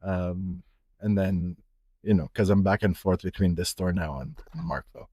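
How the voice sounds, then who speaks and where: A man's voice: low-pitched, steady tone, normal speed, warm tone, dry recording, clean studio sound. A middle-aged man from Egypt, a watch retailer, talking casually in a podcast interview with many fillers and restarts.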